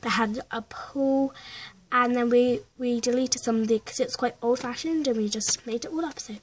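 A woman's voice: on the high side, fairly even intonation, moderate pace. A young girl, around ten years old, chatting through a rambling, stop-start life-update vlog at home, with many fillers. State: out of breath. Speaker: vlogger. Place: at home indoors.

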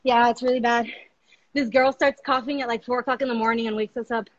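A woman's voice: on the high side, steady tone, fast, highs cut off. A woman co-hosting a live workout from her home garage over a video call, breathless and joking about the effort. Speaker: workout co-host. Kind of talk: casual chat during a workout.

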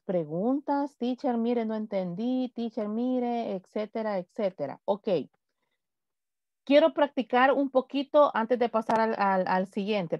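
A woman teaching an online class, patiently repeating example sentences slowly. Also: mid-range voice, no echo. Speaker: English teacher. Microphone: video call. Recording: dull lo-fi video call audio.

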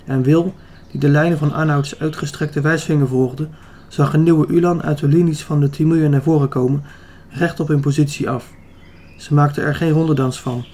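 A man narrates an adventure story as an audiobook, with steady, even storytelling. His voice sits a little above the usual male range. It has a warm, mellow tone. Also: a little high, normal speed. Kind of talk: scripted narration.

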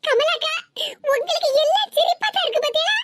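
A woman's voice: extremely high pitch, expressive, brisk, heavy background noise. A woman voicing a whiny, indignant village gossip in a cartoon, with a Tirunelveli Tamil accent. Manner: whining, indignant.

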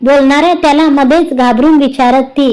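A woman's voice: sits high, fairly even intonation, a little fast, darkish tone, poor audio. A woman narrating a serialized family story, reading every character's lines in her own voice.

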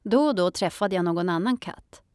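A woman narrating a children's audiobook in a calm storytelling manner. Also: on the low side, dry recording, clean studio sound.

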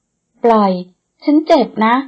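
A woman voicing a proud young actress in an audiobook, with a husky voice and a defiant, sharp-tongued manner. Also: mid-range voice, steady tone, brisk, muffled recording, lightly acted.

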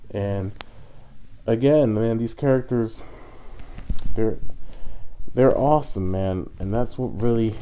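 A man's voice: lowish voice, slow pace, long pauses, mellow, smooth. A man reviewing a film in casual, enthusiastic chat, full of fillers, speaking muffled through a costume head. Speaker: movie reviewer. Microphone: muffled inside a fursuit head.

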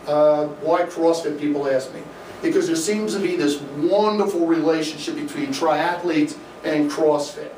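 A middle-aged swim coach with a Midwestern American accent gives an upbeat live presentation to an audience in a dim event room in front of a projection screen. His slightly high voice is captured from afar by a room camera at the back, with no visible mic, leaving an echoey sound and faint noise. He's energetic, gesturing, and conversational, using fillers.

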